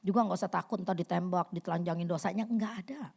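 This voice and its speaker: Lively middle-aged woman giving a sermon. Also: fast talker, creaky, breathy edge. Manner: lively storytelling, acts out voices with big pitch jumps. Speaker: women's fellowship speaker. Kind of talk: casual sermon with acted anecdotes.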